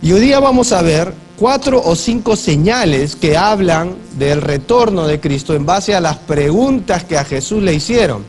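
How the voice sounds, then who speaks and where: High-voiced pastor teaching. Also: male voice, lively intonation, a little mellow, faint music behind. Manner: teaching, reads Bible verses slowly and asks the congregation questions. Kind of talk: sermon. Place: church.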